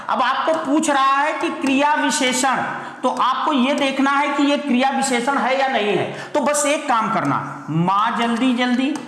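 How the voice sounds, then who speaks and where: A male teacher giving an exam-prep grammar lesson, calling students "beta" and repeating key words slowly. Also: very high voice, sharp tone. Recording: echoey hall.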